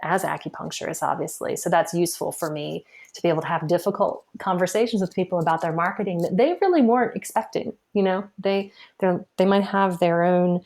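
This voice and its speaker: A woman with a lowish, slightly mellow voice chats as a podcast guest about her marketing work. The casual interview finds her laughing often and restarting phrases.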